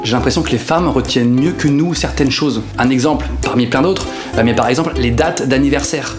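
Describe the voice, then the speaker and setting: A man's voice: medium pitch, a little fast. Slangy, self-mocking young man. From northern France. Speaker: comedian host. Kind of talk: comedy sketch monologue. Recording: roomy sound with background music.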